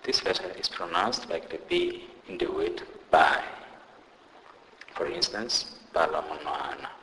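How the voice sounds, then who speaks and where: A man teaching pronunciation in a scripted lesson, deliberately saying each example word twice. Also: low-pitched, sharp tone, long reverb tail, a little hiss or hum, low-quality recording. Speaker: language teacher.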